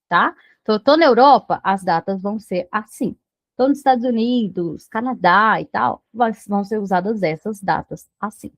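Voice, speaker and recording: With a voice on the high side and no room sound, a Brazilian woman guides beginner English learners through pronunciation. She's patient and repeatedly asks things like "tá bom?" after each point.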